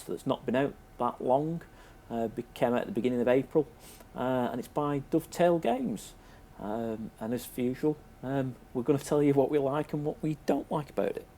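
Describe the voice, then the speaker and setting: A man's voice: medium pitch, dark tone. A British man with a sniffly, congested cold, giving a casual, hesitant, unscripted review as a presenter. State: has a cold. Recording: noticeable background noise.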